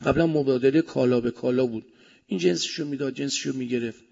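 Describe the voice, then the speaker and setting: A man preaching a sermon with speech, swinging between loud emphasis and soft asides. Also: mid-range voice, creaky. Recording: dull lo-fi recording.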